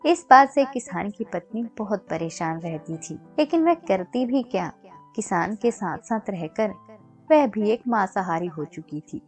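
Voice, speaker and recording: A woman storyteller giving scripted narration of a children's moral story in a steady, even-toned reading. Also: mid-range voice, unhurried, soft background music.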